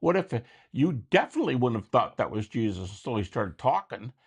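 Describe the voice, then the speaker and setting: A man's voice: mid-range voice, very animated, brisk, gravelly, breathy edge. A man hosting a casual discussion who explains his answers step by step. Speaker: host.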